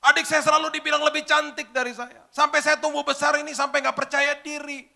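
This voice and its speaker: A man preacher voicing a distressed young woman in debt, who shouts and sobs her bitter complaints. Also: flat delivery, fast, gravelly, full character voice. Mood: tearful, bitter. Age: young adult. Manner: shrill, shouting, sobbing complaints.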